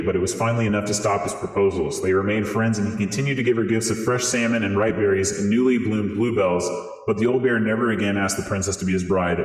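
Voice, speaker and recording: A man reads a storybook tale through a voice changer that morphs his voice. His voice sits low, and the reading is steady and even. It rings in a roomy space with a long reverb tail. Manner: steady fairy-tale narration.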